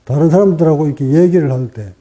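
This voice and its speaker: A man delivers a dharma talk as a Buddhist meditation teacher. His voice sits a little high but has a very dark, mellow tone. He speaks in short, measured phrases, pausing often and pushing up in pitch to stress a point. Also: low-quality recording. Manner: deliberate, short phrases with pauses, rising for emphasis.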